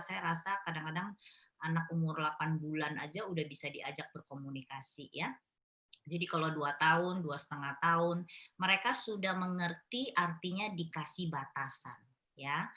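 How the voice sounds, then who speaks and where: A middle-aged woman speaking at a parenting class, explaining patiently and gently with a steady stream of "ya" in a live question-and-answer session. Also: low-pitched. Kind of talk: live online Q&A advice.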